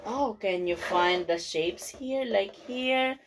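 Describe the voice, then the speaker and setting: A woman's voice: mid-range voice, takes it slowly, heavy background noise. A woman talking to a toddler in simple, repeated, encouraging phrases as she teaches shapes, colors and short sentences.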